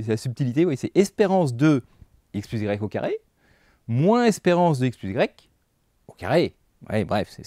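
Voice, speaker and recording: A man explaining math to adult learners in a relaxed, conversational way, full of fillers and asides. His voice is mellow and warm. The recording is dry and close. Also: mid-range voice, no echo. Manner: casual, chatty, thinks aloud with fillers. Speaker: math teacher. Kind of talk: lecturing over slides.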